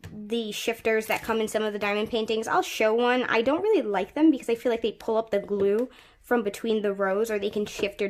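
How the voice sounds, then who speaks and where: A woman's voice: fairly high pitch, slight background noise. A woman hosting her craft channel, talking casually through a tutorial while she works with her hands, thinking aloud with fillers and restarts.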